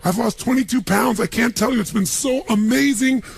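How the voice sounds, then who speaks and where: A fawning, effusive woman housekeeper, as a man puts her on, pitched far above his own voice in a breathless sing-song. A gravelly rasp shows through the falsetto. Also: normal speed. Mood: gushing. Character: gushing middle-aged woman housekeeper, effusive and grateful.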